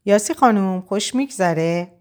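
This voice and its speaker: A woman voicing a lively, teasing young woman friend on the phone in an audiobook. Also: mid-range voice, pitched above the performer's own voice, lightly acted.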